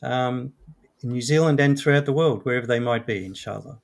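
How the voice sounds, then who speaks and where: A man hosting an interview, asking questions in a relaxed way with small fillers. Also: mid-range voice, fairly quick, creaky.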